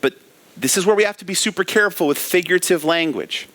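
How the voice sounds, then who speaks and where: A man's voice: sits high, fast, a bit bright. A man preaching an expository sermon as pastor, asking rhetorical questions and reading scripture with emphasis. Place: church.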